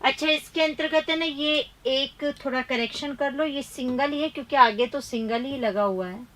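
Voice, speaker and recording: A woman with a high-pitched, fairly bright voice runs a live exam-prep grammar class, briskly reading out questions, options, and answers. In an emphatic teacher's tone, she urges students to respond and chides them for rote learning.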